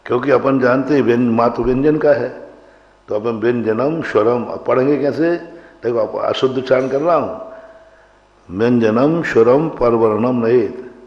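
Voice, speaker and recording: A man who is a monk, teaching Sanskrit grammar to a class, asking questions and answering them himself while slowly spelling words out to model their pronunciation. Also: medium pitch, a little mellow. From India. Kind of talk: classroom lecture. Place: large hall. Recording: echoey hall, dull lo-fi broadcast sound.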